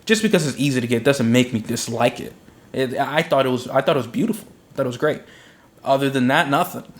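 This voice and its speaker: A man's voice: medium pitch, fast. A young man co-hosting a podcast, chatting casually about a film, acting out reactions and swearing freely. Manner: animated, acts out reactions, swears. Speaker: podcast co-host. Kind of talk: casual film review chat.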